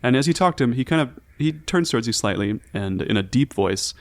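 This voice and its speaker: A man's voice: medium pitch, animated, brisk, no echo. A man narrating a tabletop fantasy game casually as game master.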